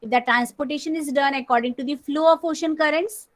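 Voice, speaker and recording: Marathi-accented lady teacher, screen recording of an online class, a bit high voice, goes over terms again and again. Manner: explains slowly, repeating terms, clears throat often.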